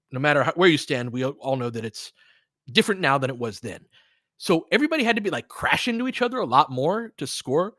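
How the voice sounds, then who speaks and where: The same kind of casual live basketball commentary comes from a man who hosts play-by-play and coaches, chatting with listeners, swearing a little and drifting into asides. His medium-pitched voice is a bit bright, and the studio sound is clean with no echo.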